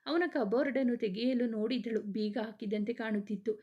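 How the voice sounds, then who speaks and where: A woman narrating a serialized family story aloud, expressive and acting out every character. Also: a little high, normal speed, breathy edge, dull audio.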